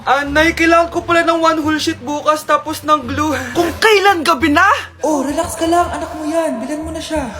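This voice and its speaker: A woman performing comic skits on her own, switching between gossiping, scolding and pleading voices. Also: extremely high pitch. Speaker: creator voicing every character in comic skits. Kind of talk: comic skit dialogue. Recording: roomy echo with music behind.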